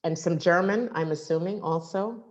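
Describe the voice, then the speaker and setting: A woman's voice: fairly low pitch, moderate pace, darkish tone. A woman hosting a casual interview, asking curious questions with small hesitations. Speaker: interview host. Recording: muffled lo-fi audio.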